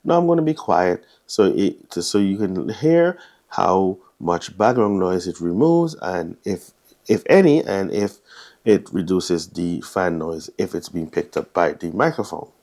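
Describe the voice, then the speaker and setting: A man testing his wireless clip-on mic, talking in a casual, halting way with many restarts, his voice run through noise reduction processing. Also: deep voice, lively intonation, darkish tone, no echo. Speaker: gear reviewer. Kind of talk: casual product test vlog.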